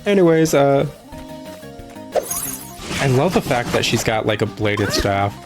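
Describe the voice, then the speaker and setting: Unhurried man commentating on a game. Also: mid-range voice, animated, over music. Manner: rambling, informal. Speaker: video game let's player. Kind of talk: casual gameplay commentary.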